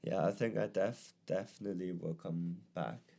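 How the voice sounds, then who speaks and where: A man's voice: low-pitched, normal speed, creaky. A tired young man co-hosting a podcast, chatting casually and musing aloud with lots of fillers. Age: young adult. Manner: relaxed, musing, many fillers and restarts. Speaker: podcast co-host. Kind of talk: casual chat.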